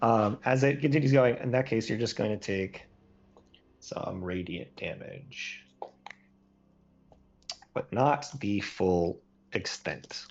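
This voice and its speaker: A man with a low, husky voice narrates a tabletop game as game master, calm and unhurried, often pausing to think. The recording sounds muffled and lo-fi. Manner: relaxed, thinking aloud with fillers.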